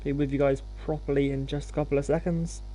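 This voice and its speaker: A man's voice: on the high side, flat delivery, fast, warm tone, rough recording. A man hosting a gaming livestream, talking in an informal, laid-back, self-deprecating way as he commentates. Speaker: live streamer hosting gameplay.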